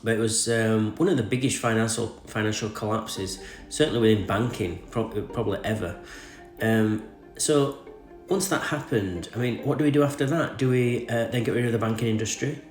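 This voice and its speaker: A man's voice: on the low side, moderate pace, faint music behind. An English man with a groggy, sore-throated voice from a cold, hosting a news show where he reads articles and comments on them. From England. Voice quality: slightly groggy, congested from a cold. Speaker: podcast host and crypto news commentator. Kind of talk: reading an article aloud with off-the-cuff commentary. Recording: echoey room.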